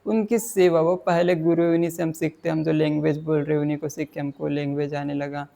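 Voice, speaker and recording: A man's voice: fairly high pitch, little pitch movement, a little fast, creaky, warm tone. A man giving a dhamma talk, explaining Pali verses in plain words and mixing in English terms. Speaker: Buddhist dhamma teacher.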